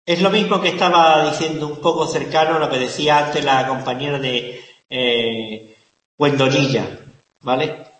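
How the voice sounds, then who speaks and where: Male lecturer, slightly high voice, emphatic and repetitive, reverberant lecture hall. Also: fairly even intonation, moderate pace, fairly bright tone. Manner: emphatic, repeats key words, asks the class questions. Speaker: university lecturer. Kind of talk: classroom lecture.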